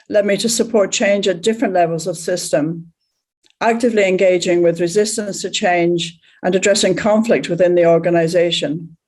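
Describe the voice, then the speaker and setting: A woman from Ireland, a facilitator speaking in a steady, deliberate way. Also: lowish voice. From Northern Ireland. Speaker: Gestalt practitioner and facilitator. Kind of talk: prepared video message.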